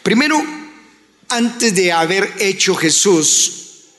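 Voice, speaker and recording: A man's voice: high-pitched, lively intonation, slow pace, bright, forceful tone. A Colombian man with a Colombian Spanish accent preaching a sermon as a pastor, asking rhetorical questions and acting out pleas. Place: church hall. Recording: reverberant church hall.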